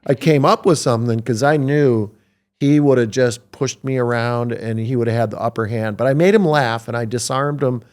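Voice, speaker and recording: A man in his sixties hosting a podcast, telling animated stories in casual chat. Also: medium pitch, moderate pace, smooth. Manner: animated anecdotes with acted quotes. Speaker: podcast host.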